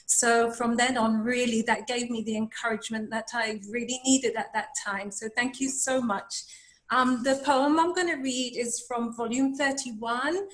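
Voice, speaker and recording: A woman from Dominica with an English accent, a poet who chats briskly and then recites her poem slowly over a video call. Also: a little high, fairly even intonation, fairly bright tone, poor audio. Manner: brisk chat, then slow measured recital. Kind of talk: poetry reading on a webinar.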